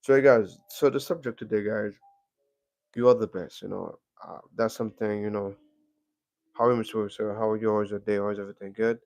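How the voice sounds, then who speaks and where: Gravelly low-voiced man chatting to viewers. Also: steady tone, fairly quick, darkish tone, no room sound. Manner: repetitive, keeps addressing viewers as guys. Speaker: livestream host. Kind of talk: casual motivational livestream talk. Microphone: microphone.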